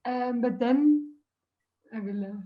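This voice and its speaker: Female filmmaker, Dutch accent, high soft-toned voice, casual interview storytelling, slightly muffled. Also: slow, soft background music. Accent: Dutch or Flemish. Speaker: documentary filmmaker. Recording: slightly muffled online-call audio.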